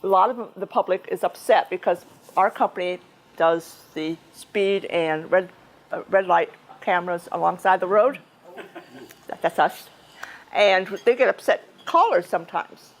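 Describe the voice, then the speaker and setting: A woman's voice: fairly low pitch, unhurried, low-quality recording. A woman giving an informal, chatty speech at a club meeting, talking conversationally with frequent restarts and asides. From United States.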